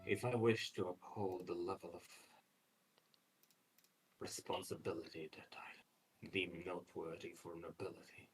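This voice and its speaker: A man's voice: low-pitched, pitched below the performer's own voice, poor audio. Man playing a proud noble swordsman. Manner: formal, measured speech. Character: proud honor-bound young male noble swordsman.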